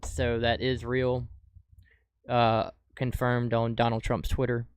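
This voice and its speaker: Speaking slowly into a close desk mic, an excitable podcast host riffs on news clips, throwing "dude" around a lot. He's coming down with something and his voice is fading, though his mid-range tone still sounds clear and resonant, with no echo.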